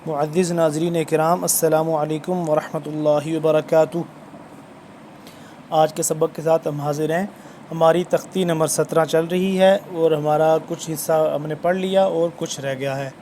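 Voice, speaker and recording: A man's voice: fairly high pitch, flat delivery, mellow, slight background noise. A man teaching Quran reading in an online lesson, addressing viewers formally and repeating words as he explains.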